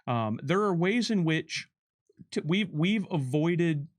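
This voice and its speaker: A man with a voice on the high side talks slowly and animatedly in casual conversation, giving commentary as a game developer. He explains things and answers questions, rewording carefully as he thinks aloud.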